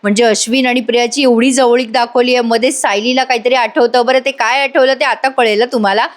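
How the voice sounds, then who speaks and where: High-voiced woman recapping a TV serial. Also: steady tone, fairly quick. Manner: chatty, addresses viewers directly. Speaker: TV serial reviewer. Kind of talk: voice-over episode recap.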